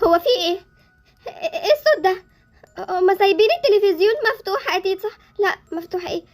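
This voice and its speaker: A woman acts out a jittery young Egyptian girl in a Roblox story drama, her voice very high and leaping around. She talks fast and stammers through nervous giggles. Music plays softly under her. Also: lively intonation. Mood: chatty. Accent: Egyptian Arabic. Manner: nervous laughter, stammering, frightened. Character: scared excitable young girl, the hero's sister.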